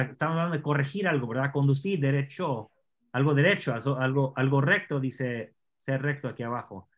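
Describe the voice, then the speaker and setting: A man teaching an online scripture class, explaining Hebrew words slowly and asking his students questions. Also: fairly high pitch, bright, forceful tone.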